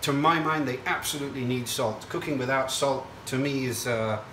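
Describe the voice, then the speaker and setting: A man's voice: medium pitch, moderate pace, pushed and bright, distant mic. Man hosting an echoey kitchen cooking demo. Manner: chatty, explanatory, digressive. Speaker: cooking show host. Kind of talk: casual cooking demonstration to camera. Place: indoor kitchen at a stove. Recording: echoey kitchen, off-mic, hiss and sizzle. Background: frying sizzle and stirring.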